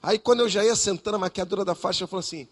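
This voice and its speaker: A man's voice: sits high, rapid-fire. A middle-aged man, a pastor telling a story in a conversational, anecdotal way, often adding tag questions. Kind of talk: sermon storytelling.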